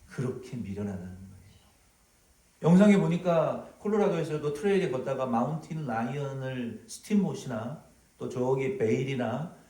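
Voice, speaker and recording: A male pastor preaching a sermon, animated and storytelling, at times acting out sounds, in a church sanctuary. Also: medium pitch. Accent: Korean, Jeolla dialect touches. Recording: echoey hall, from far off.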